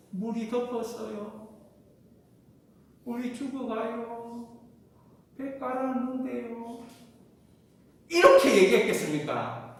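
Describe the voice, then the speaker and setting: A woman pastor preaching a sermon with lively call-and-response to her congregation. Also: a little high. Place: large church sanctuary. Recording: echoey hall from far off.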